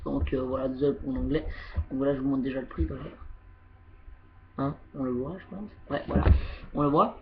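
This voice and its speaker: A man's voice: medium pitch, steady tone, a little fast, long pauses, narrow, tinny audio, slight background noise. A young man doing a casual home unboxing video of a game controller, hesitant and full of filler words. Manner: hesitant, heavy fillers like "donc, euh".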